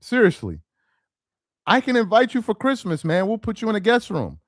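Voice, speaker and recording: This young livestream host of Nigerian heritage has a high voice and speaks at normal speed, with studio-quality audio and no echo. Casual and animated, he reads out comments from viewers, laughing and exasperated, addressing his chat directly.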